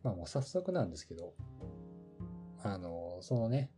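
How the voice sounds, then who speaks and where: A man's voice: deep voice, big pitch swings, normal speed, mellow, faint music behind. A man casually introducing a podcast segment, easygoing and full of hesitant fillers. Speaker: podcast co-host.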